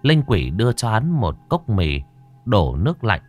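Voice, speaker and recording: A man narrating a horror story with suspenseful, expressive delivery. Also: lowish voice, unhurried, soft background music. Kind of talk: dramatic horror story reading.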